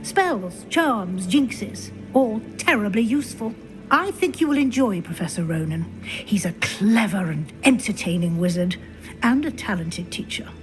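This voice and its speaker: An actress playing a brisk, encouraging wizarding school professor in a video game, formal and articulate, with a British accent. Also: female voice, mid-range voice, expressive, soft background music, close to an everyday voice, low-quality recording. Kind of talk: scripted video game dialogue.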